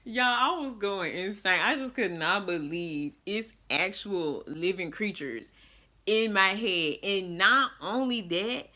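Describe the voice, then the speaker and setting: A woman spins a casual storytime for her viewers, playing every moment up for drama. Her voice is bright and a little sharp. Her pitch jumps high and drops low as she goes, and she keeps turning to the audience with "y'all.". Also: animated, slow, slight background noise. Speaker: vlogger.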